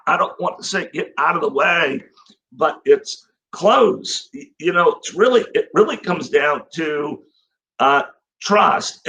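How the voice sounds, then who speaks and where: A man who is a guest on a podcast, talking about leadership in a reflective, measured way. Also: fairly high pitch, sharp tone, poor audio. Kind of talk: casual podcast conversation.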